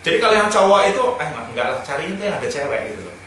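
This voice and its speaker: Man, fairly high voice, joking anecdotal speaker, recorded far off the mic. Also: very animated, very fast, fairly bright tone. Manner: anecdotal, joking, chuckles between points. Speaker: speaker giving advice on self-improvement. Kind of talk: casual humorous talk. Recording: very echoey room, speaker far from mic, faint noise.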